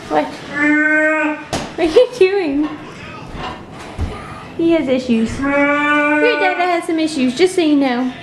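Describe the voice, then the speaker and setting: A woman's voice: high-pitched, takes it slowly, pauses often, noisy background. A young woman vlogging casually at home, giggling often and talking sweetly to her baby daughter. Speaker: vlogger, mother. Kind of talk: casual family vlog chat.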